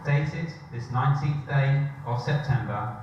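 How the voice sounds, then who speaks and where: A man's voice: mid-range voice, a little slow, background noise. A man reading a formal proclamation in a town crier's stately, declamatory manner, heard from far off in an echoey room. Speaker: official reading the Mayor's proclamation. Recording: echoey hall from far off, dull.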